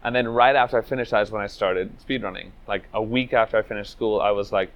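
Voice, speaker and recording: A young man speaks in a fairly low voice. He tells his story in a relaxed, reflective way, padding his sentences with "like" and "you know". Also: fast, dull audio. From Venezuela, raised in Trinidad. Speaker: speedrunner interviewee. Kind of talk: casual interview storytelling.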